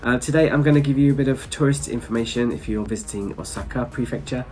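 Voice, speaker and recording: A travel vlogger chats casually to the camera, stuffed up from hay fever, drifting a bit as he talks to his viewers and chuckling now and then. His mid-range voice is slightly mellow and quick. Faint music plays behind him.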